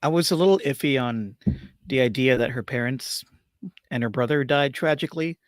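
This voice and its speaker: A man's voice: medium pitch, normal speed, no room sound. A man co-hosting a podcast talks through an episode in a loose, rambling way, full of little fillers. His voice sits in a middling range. The sound is dry and close. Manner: relaxed, rambling, peppered with "like" and "kinda". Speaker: podcast co-host. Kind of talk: casual review chat.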